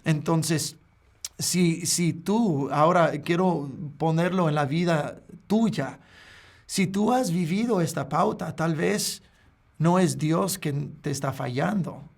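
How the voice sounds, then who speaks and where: A man, a pastor, preaching a sermon in an earnest, halting way with frequent restarts. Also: a little high, creaky.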